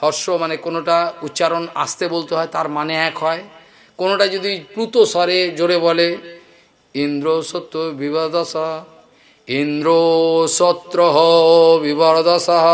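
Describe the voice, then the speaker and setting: A man giving a devotional scripture discourse, chanting verses slowly and telling stories in an animated way. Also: on the high side. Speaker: Bhagavata preacher.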